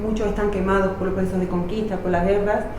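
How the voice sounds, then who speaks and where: A woman's voice: medium pitch, little pitch movement, quick pace. A woman, a historian explaining her research in a spontaneous academic way, with many fillers and restarts. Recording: echoey room, voice from far off, faint noise.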